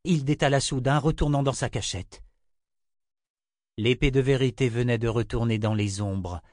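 A man narrates a fantasy novel in a steady, even storytelling voice. His pitch sits in the middle range, and the recording is dry and close. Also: dry recording. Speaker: audiobook narrator. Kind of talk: scripted narration.

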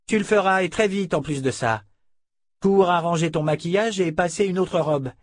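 A man's voice: high voice, moderate pace, no room sound, studio quality, pitched above the performer's own voice, close to an everyday voice. A man voicing a brutal, contemptuous male henchman who barks orders with scorn, in an audiobook. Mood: menacing. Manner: menacing, scornful, commanding. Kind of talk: audiobook character voice.

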